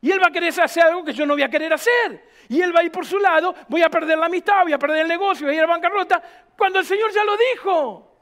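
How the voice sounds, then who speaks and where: A man's voice: very high voice, fast, fairly bright tone. A man, a pastor preaching emphatically to a church, firing off rhetorical questions. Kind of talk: sermon.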